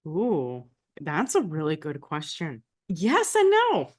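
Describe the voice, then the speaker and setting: In a conversational interview, a Nicaraguan American former diplomat, born in the United States to a Nicaraguan family, tells her story and often tags lines with "right?" Her low voice swoops wildly in pitch, and she speaks slowly.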